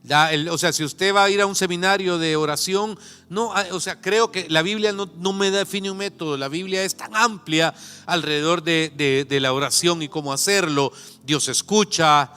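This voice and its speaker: Salvadoran male preacher, smooth clear voice, slow scripture reading mixed with folksy asides, recorded in a reverberant church hall. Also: sits high, bright, forceful tone. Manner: reads scripture slowly, then breaks into folksy asides. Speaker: pastor. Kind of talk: sermon.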